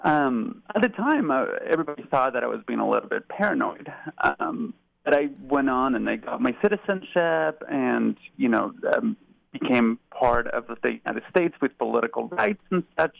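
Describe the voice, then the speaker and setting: A man from Argentina calls in to a radio show and answers thoughtfully, pausing often with ums. His voice is strongly gravelly and comes through a dull, muffled line. The sound is dry and close. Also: mid-range voice, animated, dry recording. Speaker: guest caller, research fellow. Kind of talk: phone-in interview.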